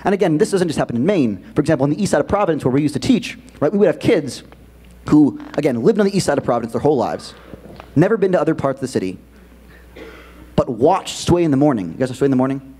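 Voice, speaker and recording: A man gives a keynote to a school audience, his voice rising and falling in a lively way. He talks quickly and casually, with many fillers and restarts. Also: on the high side, husky. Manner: animated, quick conversational delivery with many fillers. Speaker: keynote presenter. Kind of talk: keynote talk to students. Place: school auditorium.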